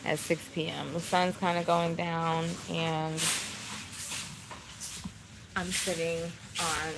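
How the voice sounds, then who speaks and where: A woman's voice: low voice, level tone, slow, gravelly. A woman born in America to Trinidadian parents, talking earnestly to her viewers from an outdoor balcony at dusk. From United States, Trinidadian parents. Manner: chatty, earnest, addresses viewers as y'all. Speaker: vlogger and workshop host. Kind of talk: casual motivational vlog. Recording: outdoor phone video with loud ambient noise. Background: birds chirping and kids playing.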